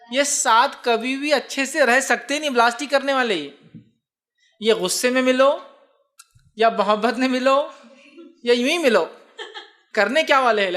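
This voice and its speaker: A man's voice: extremely high pitch, a bit bright. A man gives a religious answer to a question. He explains patiently and keeps answering his own rhetorical questions. His talk moves easily between words and English ones. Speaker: Islamic speaker.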